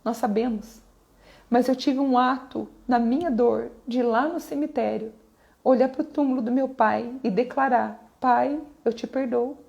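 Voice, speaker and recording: A woman's voice: on the high side, steady tone, a little slow, creaky, darkish tone, lo-fi sound. A woman from Brazil preaching an emotional sermon testimony on a live stream, repeating phrases for emphasis.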